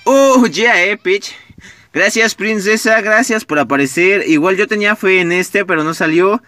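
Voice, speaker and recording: A young man with a Mexican Spanish accent giving casual, excitable gameplay commentary, swearing often and talking straight to his viewers. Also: high-pitched, unhurried, no echo, soft background music. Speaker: gaming YouTuber.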